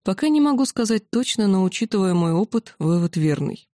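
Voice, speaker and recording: A woman's voice: medium pitch, sing-song, fairly quick, warm tone, no room sound, clean studio sound, close to an everyday voice. A woman reading as a wry, patient dragon commander. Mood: measured. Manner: patient, explaining. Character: calm male dragon commander, wry and thoughtful.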